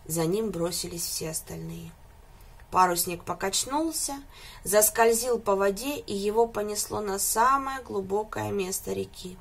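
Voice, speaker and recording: A woman reading a fairy tale aloud for children in a lively, expressive way. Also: medium pitch, measured pace, creaky, husky.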